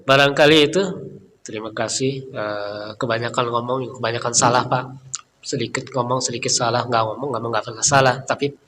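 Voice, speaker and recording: Middle-aged guy preaching casually in a mosque, chatty, crisp bright voice, echoey hall. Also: mid-range voice, a little hiss or hum. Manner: chatty, leans on filler tags. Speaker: Islamic preacher. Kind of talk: informal mosque study talk. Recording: reverberant hall, faint room ambience.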